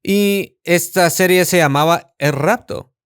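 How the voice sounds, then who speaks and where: Man, pastor, animated storytelling sermon, smooth resonant voice, dry close sound. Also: high voice, slow pace, dry recording. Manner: storytelling, animated, acts out quotes. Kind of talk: sermon with personal testimony. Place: church.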